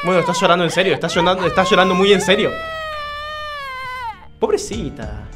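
A young man with an Argentine accent doing let's play commentary, excitable and swearing, bursting into loud outbursts. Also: high-pitched, brisk, music in the background. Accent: Argentine Spanish. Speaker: gamer.

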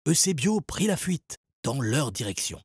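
A man narrating a children's story in an expressive, animated storytelling voice. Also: a little high, a little slow, a crowd in the background. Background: music.

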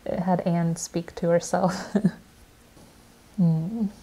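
Even-voiced woman reading aloud. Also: lowish voice, slow pace, rough recording. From US, Indiana. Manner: reads evenly, comments with light laughs. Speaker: writer and video host.

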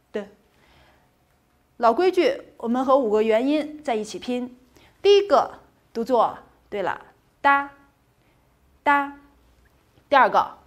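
A woman with a mid-range voice teaches a recorded pronunciation lesson, patient and encouraging. She says each sound twice and poses questions to the class before answering them herself.

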